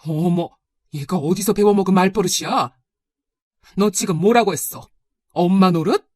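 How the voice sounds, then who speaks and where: A woman's voice: fairly low pitch, normal speed, darkish tone, dry recording, studio quality, natural voice. A woman voicing a busy, defensive working mother in a told story, with a scolding, indignant manner. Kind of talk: storybook narration.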